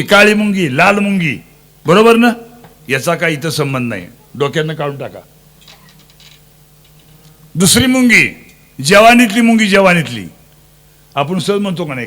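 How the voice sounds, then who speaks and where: A man's voice: high-pitched, fairly bright tone. A man preaching a devotional kirtan, teasing and quizzing his listeners and breaking into sung verses. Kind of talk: Marathi devotional kirtan sermon.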